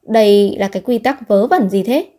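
A woman's voice: medium pitch, normal speed, warm tone, lightly acted. A woman voicing an exasperated young man in an audiobook, speaking with resigned restraint.

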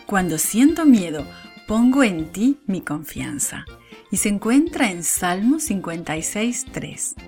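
A woman storyteller narrating a Bible story for children, speaking directly to them in an expressive, engaging way. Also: medium pitch. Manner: warm, expressive storytelling to kids.

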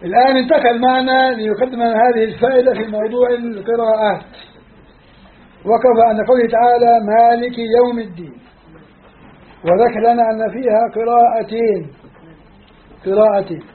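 A man's voice: very high-pitched, fairly even intonation, fairly quick. A man with a Levantine Arabic accent giving a classroom lecture as a religious teacher, emphatic and counting off his points one by one. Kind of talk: classroom lecture on scripture study. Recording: phone-like narrow band.

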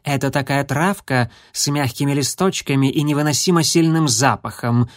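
A man voicing a grumpy old female healer cat, speaking slowly and sternly. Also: mid-range voice, no echo, clean studio sound, lightly acted. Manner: slow, stern and scolding.

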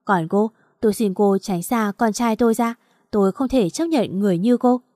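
A woman's voice: mid-range voice, moderate pace, dark tone, dry recording, studio quality, natural voice. A woman voicing a cold, domineering older mother who talks in a curt, stern way.

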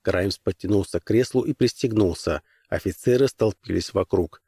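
A man narrating a science-fiction audiobook in a steady, even reading voice into a close studio mic. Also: low voice, normal speed, slightly rough, no echo. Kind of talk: scripted narration.

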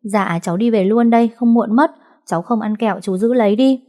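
A sweet little girl of about six, as a woman storyteller puts her on, her voice lifted high and childlike, pleading and soft. The tone stays mellow and dark rather than bright, in a spoken storybook. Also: a little fast, natural voice. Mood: polite.

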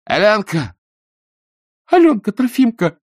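A man's voice: mid-range voice, huge pitch swings, normal speed, a little mellow, breathy edge, no echo, studio quality, voice pushed up, heavily acted. A man voicing a weary wife who pleads with and reproaches her drunk husband. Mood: alarmed.

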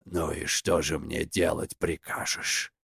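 A man reading a fairy tale aloud and voicing a gruff, mighty male sky god and blacksmith in a low, grumbling mutter. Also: unhurried, no room sound, studio quality, natural voice.

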